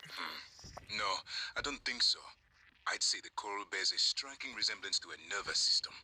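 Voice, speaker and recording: An actor in a video game playing a musing man of science, husky and measured. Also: fairly low pitch, lively intonation, pushed and bright, heavily acted, low-quality recording. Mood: pondering.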